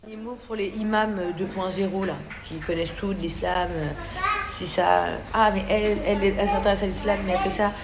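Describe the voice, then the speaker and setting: A woman's voice: mid-range voice, steady tone, a little fast. A woman recording a rambling, indignant phone video at a doctor's office, full of hesitations. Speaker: social media personality. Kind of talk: selfie video message. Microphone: phone camera. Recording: loud background noise.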